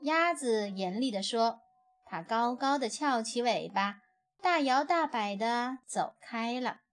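A woman reading a children's picture book aloud in an expressive storytelling manner. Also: on the high side, takes it slowly, faint music behind.

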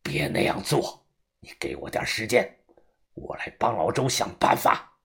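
A man voicing a stern, commanding old boss who talks slowly and gravely. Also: sharp tone, full character voice. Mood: urgent. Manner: slow, low, grave.

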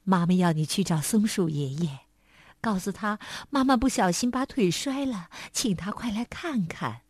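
A woman voicing a gentle, caring mother monkey in a storybook, soft and soothing. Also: expressive, normal speed, husky, dry recording, studio quality. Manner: soft, low and soothing, partly hushed.

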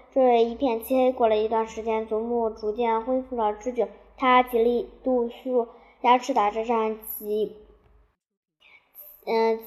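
A woman storyteller narrating a storybook in a calm, even reading voice, on a dull lo-fi recording. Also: on the high side.

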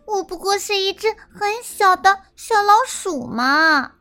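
A woman telling a children's story as a small timid mouse, in a sweet, expressive, sing-song manner. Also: extremely high pitch, measured pace, soft background music.

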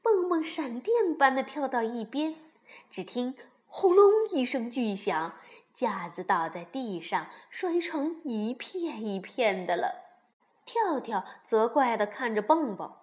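A woman narrating a children's story in a gentle, expressive way. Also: a little high, slow pace.

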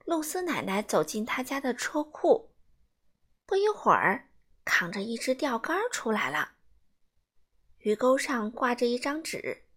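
Woman reading a kids story out loud, slow and super expressive, a bit high.

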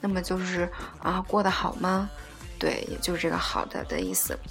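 Patient woman teaching with a gravelly voice. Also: on the low side, big pitch swings, fairly bright tone, soft background music. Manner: patient, repeats example words slowly. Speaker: Korean language teacher. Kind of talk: spoken language lesson.

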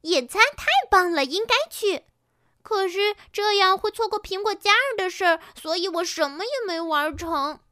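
A woman voicing a hyper, excitable little female pony in a storybook reading, squealing and rushed. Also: sits high, no room sound, studio quality. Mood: frantic.

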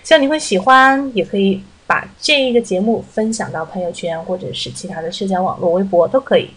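A woman teaching vocabulary in a friendly, chatty way, slowly repeating words to show how they are said. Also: mid-range voice, a bit bright, breathy edge, rough recording. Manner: slowly repeats English words to stress the pronunciation. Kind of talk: vocabulary lesson podcast.

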